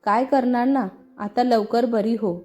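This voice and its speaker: A woman voicing a kind young woman who works at a bank, speaking gently in a storybook reading. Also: fairly high pitch, steady tone, a little slow, natural voice. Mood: friendly. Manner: gentle, apologetic.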